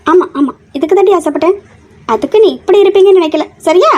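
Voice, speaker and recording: A woman's voice: very high voice, fast talker, mellow, dull audio. A woman voicing a playful young woman who teases her brother and his sweetheart. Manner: playful, mischievous teasing. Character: teasing young woman, the hero's sister. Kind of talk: amateur audio drama acting.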